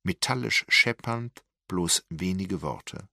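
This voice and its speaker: A man narrating a crime novel in a measured, dramatic storytelling manner. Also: low-pitched, creaky, sharp tone, dry recording, clean studio sound. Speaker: audiobook narrator.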